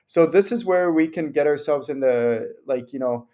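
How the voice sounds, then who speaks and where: A man's voice: on the high side, moderate pace, dark tone. A man hosting a spiritual question-and-answer livestream, explaining in a loose, rambling way and acting out little anecdotes. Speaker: spiritual teacher hosting a Q&A show. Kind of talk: casual livestream talk.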